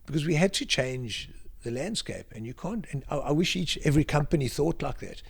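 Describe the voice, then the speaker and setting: A man's voice: fairly high pitch, expressive, brisk, creaky, husky. A middle-aged South African man with a South African accent, a guest speaking in a casual interview in a library, often restarting phrases and then pushing words out with sudden emphasis. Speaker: guest, creative director.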